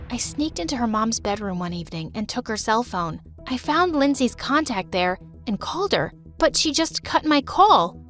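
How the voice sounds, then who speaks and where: High-pitched young woman narrator for an animated story, emotional and breathless delivery.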